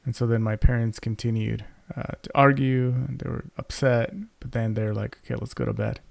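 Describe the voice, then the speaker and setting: Podcast co-host, young man with a gravelly voice, rambling casual storytelling, dry close sound. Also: mid-range voice, fairly even intonation, a little fast, darkish tone, no room sound. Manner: rambling, many fillers and restarts. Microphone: close podcast mic.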